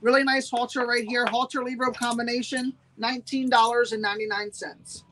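A woman's voice: fairly high pitch, flat delivery, fairly quick, a bit bright, low-quality recording. A woman hosting a live-streamed sale, chatting with viewers and repeating every price twice. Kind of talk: live-streamed sales pitch.

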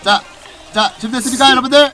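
A man's voice: very high voice, quick pace, sharp tone. A man hosting an online gaming quiz like a game show host, prompting players and counting down over music. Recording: music behind the voice.

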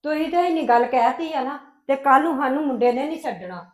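A woman playing an older grandmother who grumbles and complains with a sharp tongue, in an amateur family drama. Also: high voice, expressive, fast talker. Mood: grumbling. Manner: scolding, gossipy complaint.

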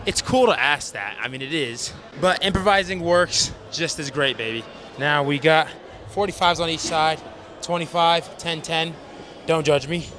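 A man's voice: a little high, normal speed, bright, forceful tone, a little hiss or hum. A young man chatting casually and slangily as a fitness vlogger, in hyped motivational bro talk. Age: young adult. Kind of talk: casual slangy vlog chat. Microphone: small clip-on mic, held or worn.

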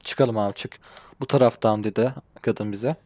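A man's voice: lowish voice, moderate pace, darkish tone, no echo. A young man casually commenting on a game he plays, grumbling and translating the lines aloud. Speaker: gaming channel host. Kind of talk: casual let's-play commentary.

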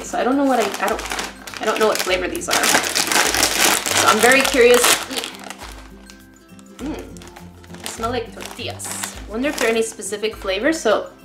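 A woman's voice: fairly high pitch, roomy sound. A woman vlogger rambling in a casual unboxing chat, emotional and close to tears, laughing often. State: tearful, emotional.

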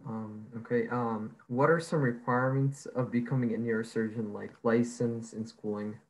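A man's voice: mid-range voice, steady tone, moderate pace, slight background noise. Polite young man asking questions. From Egypt. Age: young adult. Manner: polite, with frequent "um" before questions. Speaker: student interviewer. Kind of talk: interview questions over a video call. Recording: dull, lo-fi video call audio.

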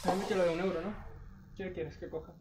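A man's voice: high-pitched, fairly even intonation, fast talker, noisy background. A man with a Spain accent in casual, joking gameplay banter with friends. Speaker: gamer commentator. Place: indoor room with friends. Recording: roomy, game music behind.

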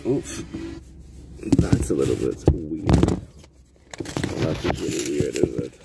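A man filming a rambling, spiritual vlog from his car at a drive-through, talking to himself with bursts of excitement. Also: rumbling low, takes it slowly, creaky, very noisy. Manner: spiritual, excitable, talks to himself while driving. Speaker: vlogger. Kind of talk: rambling self-filmed vlog. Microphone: phone held in a car.

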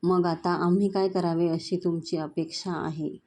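A woman's voice: on the low side, flat delivery, unhurried, a little mellow, a little hiss or hum, close to an everyday voice. A woman reading the part of a worried middle-aged family elder who speaks hesitantly and pleads. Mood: upset.

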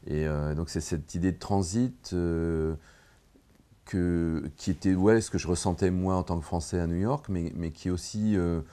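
A man's voice: sits low, steady tone, unhurried, dark tone. A middle-aged man, a film director, talking reflectively in a TV studio interview, full of hesitations and restarts. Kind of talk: relaxed interview conversation. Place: TV studio set with armchairs. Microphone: lapel mic.

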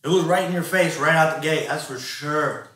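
A man's voice: a little high, normal speed, sharp tone, far from the mic. A man bantering casually during a food challenge, huffing and exclaiming with his mouth burning from spicy food. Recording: echoey room, off-mic, background noise.

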